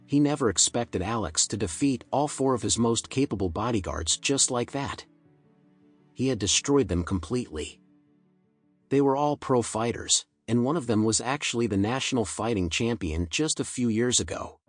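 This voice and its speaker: A man narrating a scripted story in an even, steady storytelling manner. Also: medium pitch, normal speed, no room sound, faint music behind.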